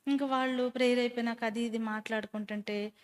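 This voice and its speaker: A woman's voice: a little high, fast talker. A woman telling a church group her personal testimony as a story, stopping now and then to quiz her listeners. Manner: animated storyteller who quizzes listeners. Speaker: speaker giving a personal testimony.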